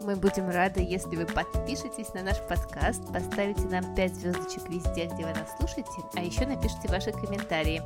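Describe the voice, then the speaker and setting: A woman's voice: on the low side, brisk, few pauses. A woman co-hosting a casual podcast who also reads the friendly closing sign-off. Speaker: podcast co-host. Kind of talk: casual chat and show outro. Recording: music playing under the voice.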